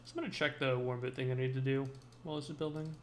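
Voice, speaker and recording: A man's voice: medium pitch, fairly even intonation, very fast, slight background noise. A man livestreaming his programming work, thinking aloud in a loose, hedging way as he codes at his desk. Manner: mumbling to himself, self-talk with hedges. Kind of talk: casual thinking-aloud while coding.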